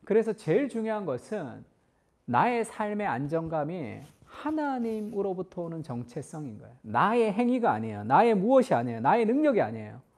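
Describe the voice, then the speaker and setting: Lively middle-aged male pastor preaching. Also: high voice, normal speed. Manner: lively, conversational preaching that swings between formal and casual speech. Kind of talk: Sunday sermon.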